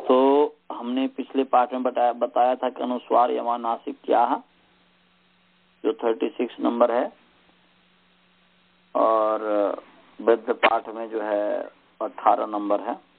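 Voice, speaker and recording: Male teacher for an online class, slow and patient, drills sounds over and over, tinny call audio. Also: medium pitch, flat delivery, gravelly, husky. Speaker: Sanskrit teacher. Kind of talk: slow online lesson with chanting. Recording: tinny phone-line audio.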